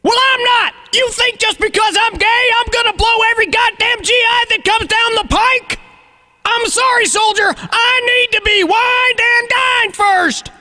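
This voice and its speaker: A man playing a shouting male drill sergeant in a comedy sketch, barking every line. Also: very high voice, a little slow, exaggerated voice. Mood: bellowing. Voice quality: barking, bellowing.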